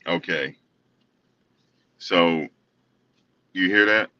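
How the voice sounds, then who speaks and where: A man's voice: low voice, very slow, a little hiss or hum. A man co-hosting a casual commentary chat, talking loosely with many fillers and restarts. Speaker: co-host. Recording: muffled, distant from the mic.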